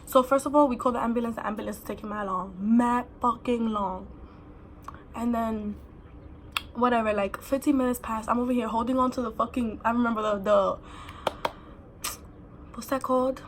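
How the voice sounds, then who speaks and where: A woman's voice: fairly high pitch, a little hiss or hum. Blunt young New woman vlogger. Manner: blunt, profane, animated quoting of others. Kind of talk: casual storytelling.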